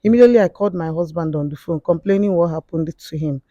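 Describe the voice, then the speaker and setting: A woman telling a personal story as a confessing guest, halting often with fillers and restarts. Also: fairly low pitch, dark tone, no room sound, lo-fi sound. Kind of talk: emotional spoken testimony.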